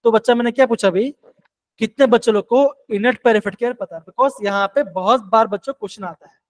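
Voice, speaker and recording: A man with a high, light voice, teaching chemistry live online. He keeps circling back to his questions and coaxing his students to answer. His talk is steady and encouraging. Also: fast, poor audio.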